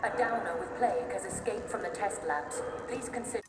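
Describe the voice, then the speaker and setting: A formal loudspeaker announcer, echoey. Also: female voice, medium pitch, brisk, heavy background noise. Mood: formal warning. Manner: formal, even-toned warnings to staff. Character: calm female facility PA announcer. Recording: echoey, distant loudspeaker with loud music.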